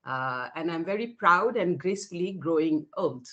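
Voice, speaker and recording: A woman in her sixties from Nepal speaks in an interview over a video call. Her voice sits a little low, and she talks thoughtfully, breaking off and restarting her sentences with frequent fillers. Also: expressive, moderate pace, bright, forceful tone, highs cut off. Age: 60s. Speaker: interview guest, women's rights activist.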